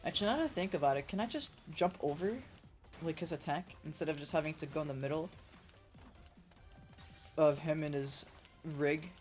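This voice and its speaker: A woman game streamer with a sore, rough throat, chatting in a rambling, casual way and swearing freely while she plays. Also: low voice, a little fast, pauses often, darkish tone, soft background music. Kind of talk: casual let's-play commentary.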